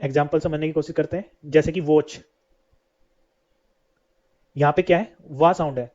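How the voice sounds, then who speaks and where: A man teaches an English lesson at a steady pace, asking a question and then answering it himself. His voice sits fairly high and sounds mellow and soft-edged. The recording is dull and lo-fi. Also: moderate pace.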